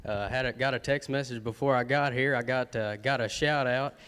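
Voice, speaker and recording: A man's voice: medium pitch, steady tone, brisk, a bit bright, slight background noise. A man with a Southern Kentucky accent introducing himself informally to an audience. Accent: Southern American, Kentucky. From Kentucky, United States. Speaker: student auctioneer. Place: large hall at a live auction. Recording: reverberant hall sound.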